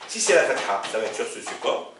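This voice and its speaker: A man's voice: mid-range voice, sing-song, brisk, noisy background. A man teaching Arabic in French to a class. He often tells them to look and asks them questions, then answers himself. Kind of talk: classroom lesson explaining grammar. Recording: echoey room, mic far off.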